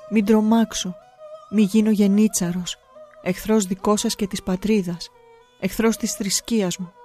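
A woman's voice: medium pitch, darkish tone, close to an everyday voice. Storybook boy, defiant but scared, pleading hard; woman reader. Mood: anxious. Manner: earnest, vehement pleading.

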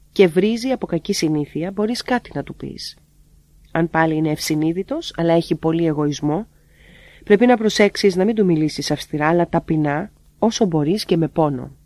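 A steady, unhurried voice reads devotional teachings aloud in the first person, letting each phrase sink softly at its close. The pitch sits in the middle, and the recording is dry and close with no room sound. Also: no room sound. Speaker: reader of a monk's teachings.

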